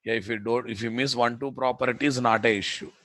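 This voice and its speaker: A man's voice: medium pitch, steady tone, fairly quick, a bit bright, no echo. A man with a Telugu Indian accent teaching a live programming class as the instructor, repeating his phrases and checking that students follow. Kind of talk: live technical lesson.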